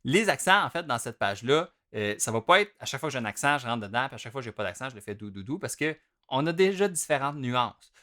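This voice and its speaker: A young drum teacher with a Québécois French accent explains rhythms in a chatty, relaxed way at an ordinary middle pitch and a quick pace. He chants the rhythm names aloud, hitting the accented notes hard and letting the others drop soft.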